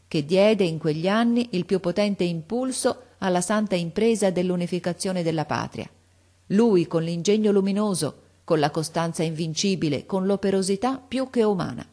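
A woman narrating a classic novel as an audiobook, in a steady, expressive reading. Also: low-pitched.

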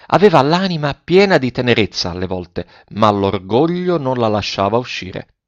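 A man's voice: medium pitch, sing-song, moderate pace, no room sound. Man reading a story, dry dull recording. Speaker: audiobook reader. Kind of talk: scripted narration.

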